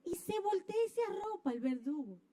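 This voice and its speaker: A woman preaching a sermon, telling a personal story with lively acted-out scenes and sudden shouts. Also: very high-pitched, a little fast. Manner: animated storyteller, acts out scenes, bursts into shouts. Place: church.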